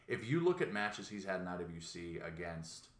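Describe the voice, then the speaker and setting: A man's voice: low-pitched, sing-song, normal speed, echoey room. A man hosting a podcast in casual chat, telling rambling, profane stories with quoted voices. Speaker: podcast host.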